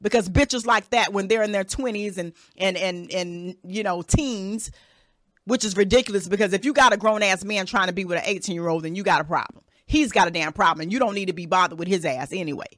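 A woman's voice: medium pitch, fairly quick, a bit bright, no echo, studio quality. A woman in her thirties hosting a solo podcast, giving blunt, profane advice and often tacking "okay?" onto her points. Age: 30s. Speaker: podcast host. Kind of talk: casual advice monologue.

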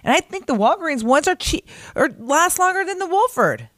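A woman's voice: extremely high pitch, big pitch swings, normal speed, a bit bright, no echo, studio quality. An American woman co-hosting a show in candid, chatty, slightly grumbling conversation, recorded on a meeting room mic in a conference room. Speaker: co-host of a daily video show. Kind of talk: casual chat.

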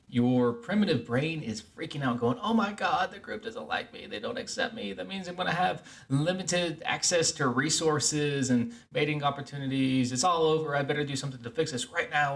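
A man's voice: lowish voice, a bit bright. Earnest man explaining self-help. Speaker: podcast host. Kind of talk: self-help podcast monologue.

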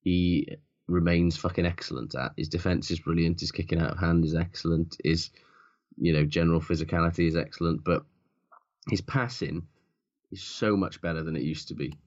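A very deep-voiced man chats casually as a podcast co-host, blunt and sweary, rambling through his points. The recording is dull and lo-fi. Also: steady tone, fairly quick, a little mellow. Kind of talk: casual sports chat.

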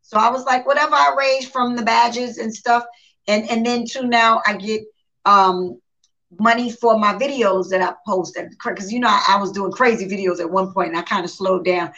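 In a casual interview, a woman singer with a medium-pitched voice talks at normal speed. She's a lively storyteller who acts out quotes and laughs often, and the live stream recording sounds dull and lo-fi.

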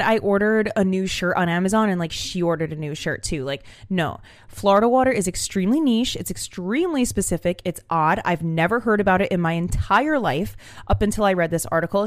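A young woman telling stories to camera in a casual vlog, chatty and animated with many fillers. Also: medium pitch, dry recording, clean studio sound. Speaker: vlogger. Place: small room at home. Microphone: camera mic.

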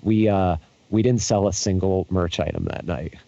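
A man's voice: low-pitched, fairly even intonation, normal speed, gravelly, warm tone, dry recording, muffled recording. A young man in casual chat, telling tour stories in a rambling, profane way with lots of fillers and restarts. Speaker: podcast guest, touring musician.

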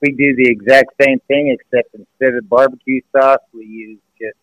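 A man's voice: mid-range voice, fairly even intonation, moderate pace, no echo. Blunt, cussing man over a phone line. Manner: blunt, swears a lot. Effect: heard over a phone call. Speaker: guest, father of a co-host. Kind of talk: casual chat. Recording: dull, dry phone-call sound.

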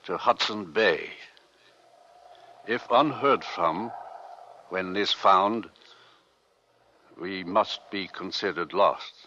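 A stoic sea captain who talks in slow, clipped, grim phrases, drawing each one out. The sound is dull and noisy, like an old radio broadcast. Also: male voice, low-pitched, sharp tone, exaggerated voice. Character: weary stoic male sea captain, fading into delirium. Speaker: ship's captain.

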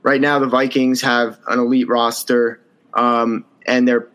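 A man's voice: medium pitch, little pitch movement, unhurried, a bit bright, poor audio. Man rambling as a sports podcast guest. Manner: thoughtful, rambling, self-correcting. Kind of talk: casual sports talk.

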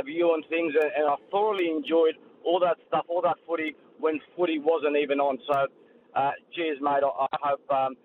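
A higher-voiced Australian man calls a radio show over a tinny phone line with some noise. He chats casually, halting and repeating himself. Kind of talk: casual chat. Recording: noisy narrowband phone call from the road.

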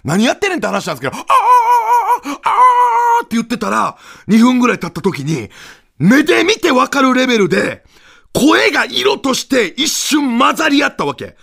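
A man with a Kansai accent telling an absurd comic story in a loud, animated, mock-dramatic way. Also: very high-pitched, a little fast, vocal fry, breathy edge. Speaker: comedian storyteller.

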